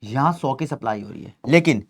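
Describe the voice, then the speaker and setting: A man's voice: medium pitch, animated, brisk. A male commerce teacher giving an online exam-revision lecture, explaining step by step, repeating key terms and often checking in with students.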